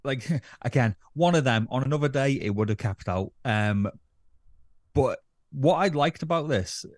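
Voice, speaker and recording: A man co-hosting a football podcast, easygoing and quick to hedge his views. His voice sits at a medium pitch. He is recorded close on a dry mic with no room sound. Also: animated, a little mellow, no echo. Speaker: podcast co-host. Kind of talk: casual football podcast chat.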